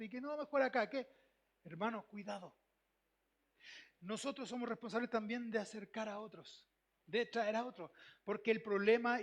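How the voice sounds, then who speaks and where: Un pastor con acento chileno que predica con énfasis, repitiendo frases y haciendo preguntas a la congregación. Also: male voice, very high-pitched. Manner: emphatic, repeats phrases, asks the congregation questions. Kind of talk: sermon.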